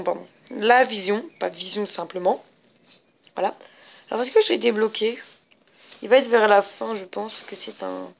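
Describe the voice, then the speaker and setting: A woman's voice: on the high side, gravelly. A woman giving casual gameplay commentary as a let's play host, talking in a hesitant, rambling way with many fillers and restarts.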